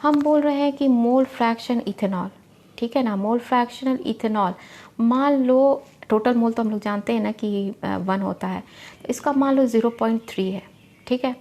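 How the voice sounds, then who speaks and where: Mellow-voiced woman teaching chemistry. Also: fairly high pitch. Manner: explains step by step, often checking with "ठीक है ना"; reads English definitions slowly and deliberately. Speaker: chemistry tutor. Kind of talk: recorded tutorial lecture.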